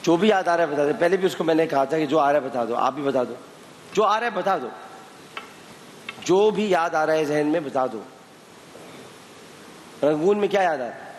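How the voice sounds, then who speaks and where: A man hosts a TV quiz show in a studio with a long ringing reverb and faint hiss behind him. He teases and pushes the contestants, firing repeated demands for answers. His voice sits a touch higher than most men's. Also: lively intonation, moderate pace, pauses often. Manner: impatient, needling, repeats commands. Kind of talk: teasing, pressing quiz hosting.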